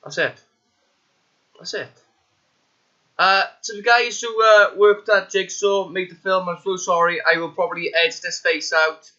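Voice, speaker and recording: A man's voice: sits high, steady tone, unhurried, long pauses, bright, forceful tone. A man chatting casually and crudely to strangers on a video chat for his vlog. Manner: joking, crude, rambling. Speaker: vlogger. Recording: dull lo-fi webcam mic.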